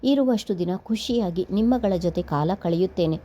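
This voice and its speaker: A woman voicing a gravely ill young man who speaks with sorrowful resignation in a storybook reading. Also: mid-range voice, lively intonation, normal speed, mellow, lo-fi sound, natural voice. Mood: resigned.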